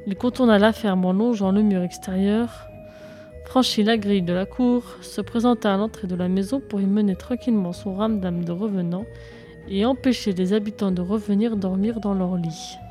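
Woman reading a lively storybook. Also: medium pitch, moderate pace, faint music behind. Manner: lively, expressive read-aloud. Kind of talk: storybook narration.

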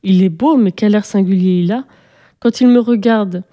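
A woman's voice: mid-range voice, moderate pace, mellow, natural voice. Woman doing a pouty little girl. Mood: curious. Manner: pouty, indignant. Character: impatient, quarrelsome little girl.

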